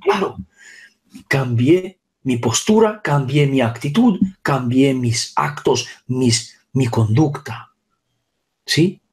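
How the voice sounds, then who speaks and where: A man's voice: medium pitch, expressive, slow, a little mellow. A man teaching a spiritual session, speaking emphatically and often checking that his listeners follow.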